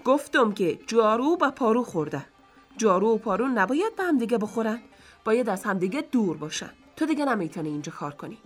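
A woman's voice: a little high, big pitch swings, soft background music. A woman voicing a proud, fussy male master of a house who scolds his servant sternly. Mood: scolding. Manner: stern, scolding, fault-finding.

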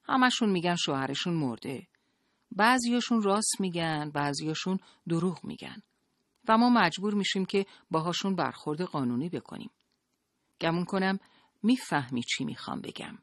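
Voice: mid-range voice, animated, dry recording, studio quality, pitched above the performer's own voice, lightly acted. A narrator playing a cold polite police interrogator. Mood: stern. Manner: coolly polite, pressing. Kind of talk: audiobook character voice.

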